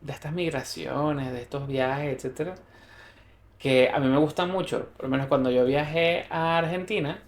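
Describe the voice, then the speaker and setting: A man's voice: fairly high pitch, moderate pace. A Venezuelan man co-hosting a podcast, chatting casually and acting out the dialogue in his stories. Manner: lively storyteller who acts out quoted dialogue. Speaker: podcast co-host. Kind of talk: casual chat. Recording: roomy echo.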